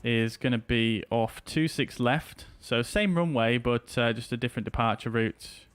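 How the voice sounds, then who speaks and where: A man talks casually through his flight simulator session, slipping into pilot phraseology. His voice is clean and resonant at a medium pitch. Soft music plays behind him. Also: moderate pace, smooth. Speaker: flight simulator streamer playing an airline pilot. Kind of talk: casual running commentary mixed with radio calls.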